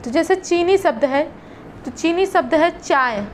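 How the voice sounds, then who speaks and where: A woman's voice: very high voice, expressive, a little hiss or hum. A woman teaching an exam-prep lesson, reading long lists of words with short explanations in between. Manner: reads word lists slowly, with short explanations.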